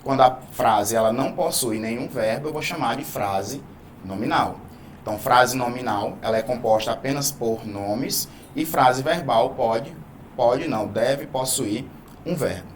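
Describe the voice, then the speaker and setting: A man's voice: mid-range voice, a little slow, slight background noise. A man teaching a Portuguese grammar video lesson, explaining patiently, drawing out key words and checking in often with "né?" and "tá?". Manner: didactic, stretches key words, frequent "né?" and "tá?".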